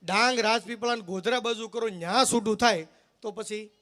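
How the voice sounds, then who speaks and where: A man's voice: high-pitched, moderate pace, bright, forceful tone. A man telling comic stories live on stage, joking and teasing the audience directly. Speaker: folk stage comedian.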